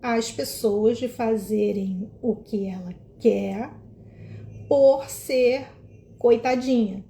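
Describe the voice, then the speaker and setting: A woman explaining relationship patterns to viewers in an animated way, pointing and acting out quotes. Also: fairly high pitch, extremely slow, creaky. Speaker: emotional wellbeing educator. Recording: echoey room.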